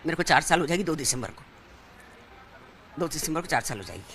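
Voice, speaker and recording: A woman's voice: sits low, lively intonation, fairly quick, fairly bright tone. An older woman from Madhya Pradesh, an old-age home resident, answering an interviewer in a rambling way full of family and money details. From Dhar district, Madhya Pradesh.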